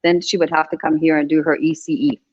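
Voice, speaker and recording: A woman's voice: sits low, level tone, fast talker, highs cut off. A middle-aged woman from Greece, a Montessori instructor, who answers webinar questions patiently and reassuringly over a video call. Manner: reassuring, explanatory, frequent restarts.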